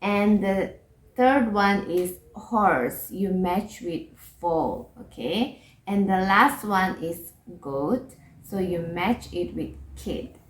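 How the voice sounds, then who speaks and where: Woman teacher, kids' English lesson. Slow, patient, repeats words, keeps asking "okay?". Echoey room. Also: mid-range voice.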